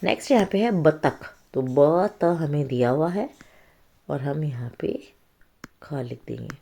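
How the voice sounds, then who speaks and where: This woman's voice sits low, with vocal fry, a dark tone and plenty of animation. She's teaching small children to read, going patiently and slowly over a worksheet while frequently checking in.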